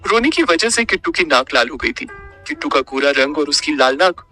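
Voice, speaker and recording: Man narrating an audiobook, bright voice, a bit high, faint music. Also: a little fast. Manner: expressive storytelling.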